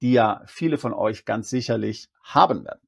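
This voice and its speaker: A man with a gravelly, husky voice talks straight to his viewers as a tax advisor. He works through legal rules step by step, reading out the law text and explaining it in plain terms. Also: medium pitch, moderate pace. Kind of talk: explanatory video talk.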